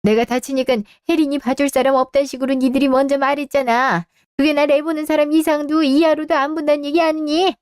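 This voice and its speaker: A woman's voice: high-pitched, level tone, brisk, hardly any pauses, a little mellow, no room sound, clean studio sound, lightly acted. A woman playing a sighing, hurt aging mother. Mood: indignant. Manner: sighing, plaintive. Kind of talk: Korean radio drama acting.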